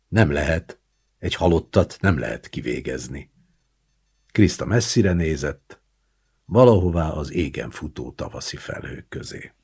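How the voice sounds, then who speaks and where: A man reading a short story aloud as an audiobook narrator, expressive and acting out the lines. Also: rumbling low, husky. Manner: expressive, acts out the characters' lines.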